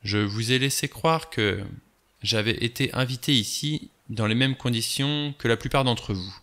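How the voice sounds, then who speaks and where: A man's voice: mid-range voice, moderate pace, a bit bright, lightly acted. A man reading the part of a cool, sardonic male adventurer who talks in a wry, offhand way.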